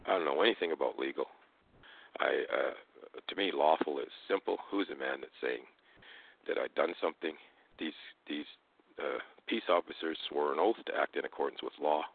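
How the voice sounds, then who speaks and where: Really deep creaky guy, toothless mushy speech, explaining stuff casually over a tinny phone line. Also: moderate pace. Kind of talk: casual explanatory talk with hesitations.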